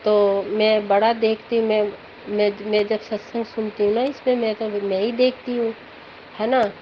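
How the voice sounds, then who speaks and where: A woman's voice: mid-range voice, little pitch movement, moderate pace. A middle-aged woman earnestly telling a rambling, emotional devotional testimony about her husband. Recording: dull lo-fi audio with faint background noise.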